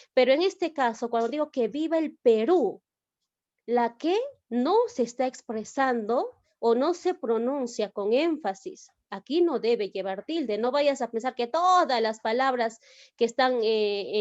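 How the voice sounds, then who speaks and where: A woman's voice: a little high, no room sound, muffled recording. A woman teacher giving an online class, explaining step by step and often checking with the students. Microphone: video call.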